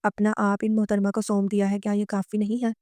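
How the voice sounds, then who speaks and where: A woman's voice: medium pitch, monotone, fast talker, mellow, no echo, studio quality, lightly acted. A woman voicing a self-assured young husband who teases playfully and unhurriedly in a recorded novel reading. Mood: teasing.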